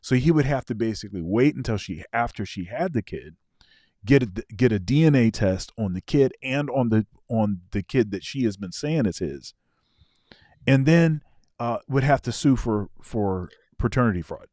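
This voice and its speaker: A man's voice: mid-range voice, expressive, moderate pace, darkish tone, dry recording, studio quality. A man co-hosting a casual reaction show, talking things through and often repeating his words as he explains. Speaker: co-host.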